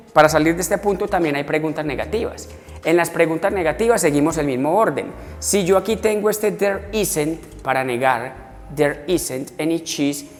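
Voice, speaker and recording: A patient male teacher walks through grammar step by step and repeats each example slowly. His voice carries a long reverberant tail, and faint music plays underneath. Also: a little high. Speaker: English teacher. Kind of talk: classroom explanation. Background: faint background music.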